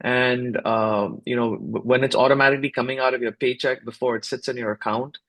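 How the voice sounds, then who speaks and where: A man in his fifties, from India, talks through his answers as a podcast guest. His delivery is reflective and measured, full of small pauses and restarts, at an ordinary middle pitch. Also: steady tone, a bit bright. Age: 50s. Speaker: guest, startup founder. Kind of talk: casual podcast interview.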